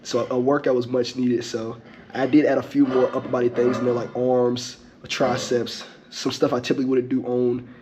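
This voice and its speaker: Young man vlogging from a locker room, flat pitch. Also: normal speed. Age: young adult. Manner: slangy, laid-back talk. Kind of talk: casual vlog talk to camera. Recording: dull lo-fi audio, faint background noise.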